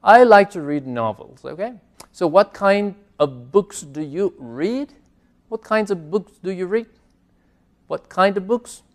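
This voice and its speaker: Male teacher, native Spanish speaker, unhurried careful delivery, classroom lesson with repetition. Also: sits high, expressive. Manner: slow, careful modelling of English phrases with repetition. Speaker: English teacher. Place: classroom with a board.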